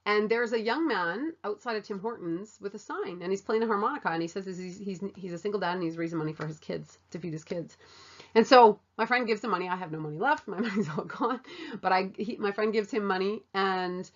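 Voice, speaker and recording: A woman tells a personal faith story in an earnest, animated way, acting out what people said and scattering fillers through her talk. Her voice sits at an ordinary middle pitch for a woman. The recording is a little dull and muffled. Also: brisk. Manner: animated, earnest, with many fillers and acted-out quotes. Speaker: mission trip volunteer sharing her story. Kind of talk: personal testimony, casual storytelling.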